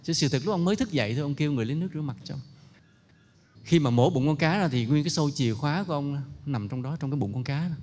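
A man giving an unhurried, reflective talk full of anecdotes. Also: a little high, expressive, a little mellow. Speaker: speaker giving a moral talk. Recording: long hall reverb.

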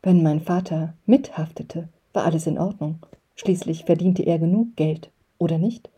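Give me a woman narrating an audiobook in a calm, measured way, with a dark mellow voice. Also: low-pitched, slightly rough. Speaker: reader.

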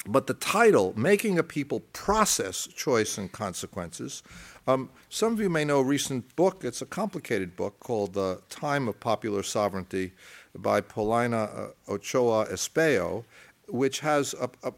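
A man with a lowish voice gives an academic lecture in a halting, discursive style. He circles back with stammered restarts and deliberately stresses key phrases.

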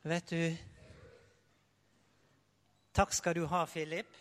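High, lively man preaching to children. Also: big-room sound. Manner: animated, leads the audience in sound effects; tells the story in first person as a disciple. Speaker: preacher telling a Bible story to children. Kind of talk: lively storytelling sermon for children.

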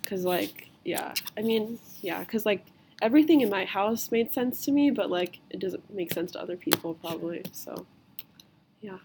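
With background noise behind her, a US woman in her twenties hosts a laid-back podcast conversation. Her medium-pitched voice has lively intonation and a moderate pace, and she keeps things chatty, filling her speech with "like."

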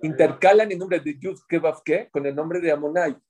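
A man's voice: fairly high pitch, moderate pace, a little mellow. A man teaching a Torah class to a small group, explaining points and asking the group questions before answering them himself.

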